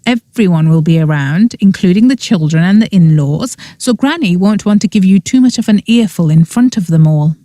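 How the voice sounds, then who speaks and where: A woman's voice: fairly low pitch, expressive, moderate pace, hardly any pauses, warm tone, no echo, natural voice. A woman voicing a sensible young witch in a cozy mystery audiobook, firm, earnest and insistent.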